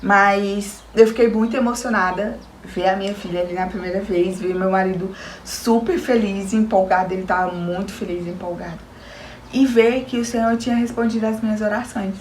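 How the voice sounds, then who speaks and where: Her voice is medium in pitch and somewhat dark as this young Brazilian woman, a new mother, gives an emotional, earnest testimony to viewers in her Brazilian Portuguese accent. The recording is reverberant, with slight background noise.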